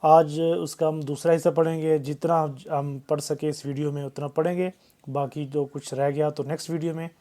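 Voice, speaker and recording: A male Quran teacher with a Pakistani Urdu accent. His voice is mellow and even, and it stays level as he moves between loud chanted syllable drills and quick, quiet explanations. He sounds like he is leading a lesson. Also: a little high.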